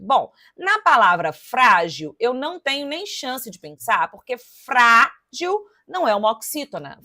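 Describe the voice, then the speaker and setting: Lively, chatty woman teacher. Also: on the high side. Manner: lively and chatty, addressing students directly, counting syllables aloud. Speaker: Portuguese teacher. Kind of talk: exam-prep lesson, solving test questions aloud.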